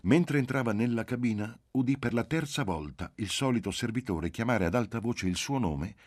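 A man narrating a novel aloud in a measured, literary reading. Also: medium pitch, darkish tone, no room sound, clean studio sound. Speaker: audiobook narrator. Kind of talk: scripted narration.

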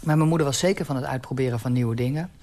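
A woman's voice: very deep voice, racing, warm tone. A woman in her forties, a radio interview guest talking frankly and with strong opinions. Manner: frank and opinionated, with emphatic dislikes. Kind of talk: relaxed radio interview about food.

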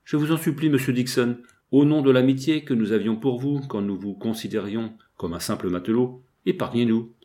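A man's voice: medium pitch, brisk, hardly any pauses, mellow, natural voice. A man voicing a desperate pleading wife. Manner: tearful imploring. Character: desperate pleading wife of a poor bank clerk. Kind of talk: audiobook character reading.

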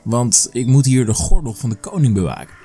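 A man's voice: mid-range voice, big pitch swings, mellow, faint music behind. Kanjil, a man voicing a wily pleading mouse deer. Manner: pleading, cunning and quick-witted. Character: clever small male mouse deer trickster. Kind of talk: storybook reading.

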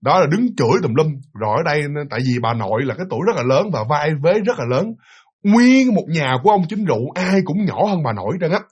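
A man's voice: on the high side, big pitch swings, quick pace, darkish tone, husky, dull audio. A man with a Southern Vietnamese accent casually telling a ghost story, chatty and addressing his listeners directly.

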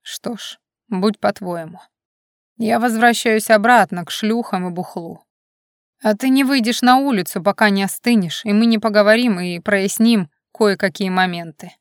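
A woman reading an audiobook and voicing a harsh, domineering young man, dropping her voice lower and speaking in a commanding tone. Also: moderate pace, no room sound, studio quality, natural voice. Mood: cold, controlled. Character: angry controlling young man, jealous lover.

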